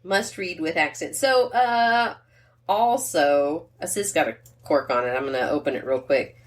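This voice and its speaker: A woman's voice: low-pitched, big pitch swings, measured pace. Chatty woman podcast host. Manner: chatty and rambling, reads labels aloud. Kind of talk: casual chat.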